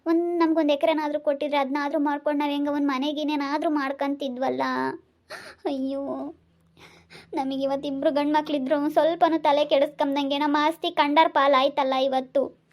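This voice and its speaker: A woman's voice: high-pitched, flat delivery, moderate pace, a little mellow, natural voice. A woman, acting a worried village wife who consoles a relative with resigned rhetorical questions. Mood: consoling. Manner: soothing yet resigned, repeats rhetorical questions. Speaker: actor in a village family drama. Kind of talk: amateur family drama acting.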